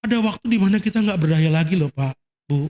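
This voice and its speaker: Male pastor, high voice, emotional sermon delivery, long church reverb. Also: lively intonation, fast talker. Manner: emotional, swinging between high exclamations and quiet asides. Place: church hall.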